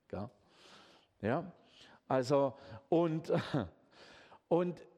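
Chatty male preacher. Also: on the high side. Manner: chatty and lively, often adding "gell". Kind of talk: sermon.

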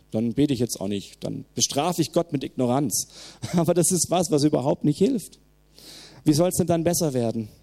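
Male preacher, emphatic sermon delivery, slightly high and mellow voice. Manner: lively, emphatic, laughs between points. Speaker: pastor.

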